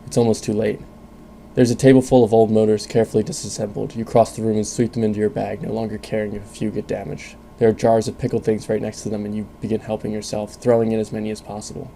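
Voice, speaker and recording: A man reading a scripted second-person story in a calm, measured way. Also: fairly low pitch, creaky, a little hiss or hum. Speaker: narrator.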